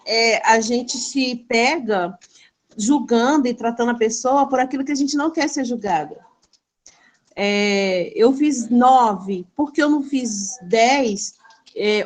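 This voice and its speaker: A woman pastor tells a devotional story in a lively, animated way. Her voice sits a little high for a woman, and she talks to her listeners with open warmth. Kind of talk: devotional testimony.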